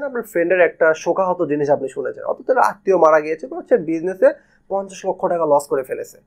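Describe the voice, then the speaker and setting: Man teaching speaking skills in a lesson. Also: high-pitched. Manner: mixes English into explanations; demonstrates flat versus varied intonation. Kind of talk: casual video lesson.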